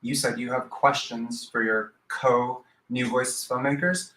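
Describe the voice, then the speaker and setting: A man's voice: medium pitch, fairly even intonation, slow pace, bright, forceful tone. A man moderating a live filmmaker Q&A, upbeat and enthusiastic. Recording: roomy echo.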